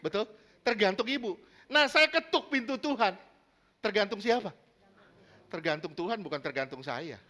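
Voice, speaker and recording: A man preaches with a high voice, stressing his points and checking with his listeners. He acts out small scenes as examples. His tone is bright and forward. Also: expressive, moderate pace, pauses often. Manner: emphatic, asks the congregation questions, acts out little scenes. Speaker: pastor. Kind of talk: sermon.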